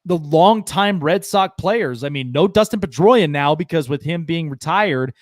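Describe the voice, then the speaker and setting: A man's voice: a little high, animated, normal speed, dry recording, clean studio sound. A man co-hosting a baseball podcast, chatting casually and rambling with lots of restarts. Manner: rambling, many restarts and fillers, enthusiastic. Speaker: podcast co-host. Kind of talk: casual sports chat.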